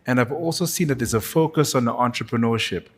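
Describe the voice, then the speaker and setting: A man's voice: medium pitch, fast, breathy edge. A man from Zimbabwe asking a panel question, hesitant and restarting his phrases.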